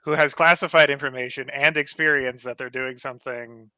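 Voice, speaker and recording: A man with a strikingly bright, forward tone speaks in a casual podcast chat. He talks earnestly, circling through long sentences and restarting his thoughts. The sound is dry and close. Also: medium pitch, steady tone, brisk, no echo. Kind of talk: casual banter.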